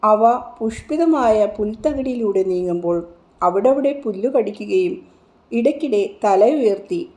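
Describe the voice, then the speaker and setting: A woman narrating a mystic's religious visions in a gentle, measured, reverent reading style. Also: mid-range voice. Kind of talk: slow devotional reading.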